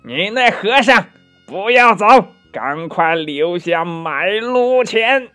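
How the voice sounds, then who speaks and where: A man voicing a blustering, bossy bandit chief in a children's storybook reading, with a gruff, barking manner. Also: fairly high pitch, fairly even intonation, slow pace, bright, forceful tone, soft background music. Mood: menacing.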